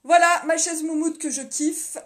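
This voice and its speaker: A woman's voice: very high voice, steady tone, a little slow. A woman vlogger chatting casually on a live stream from her small home office, rambling with many fillers and laughing often. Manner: laughs often, reads viewer comments aloud. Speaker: vlogger hosting a live video. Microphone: phone mounted on a stand.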